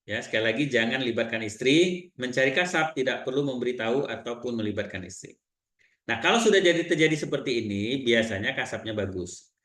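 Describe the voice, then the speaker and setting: Man, Indonesian accent, seminar trainer, lively storytelling, mid pitch, echoey room. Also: brisk. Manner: lively storytelling, quoting clients in dialogue. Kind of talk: seminar talk.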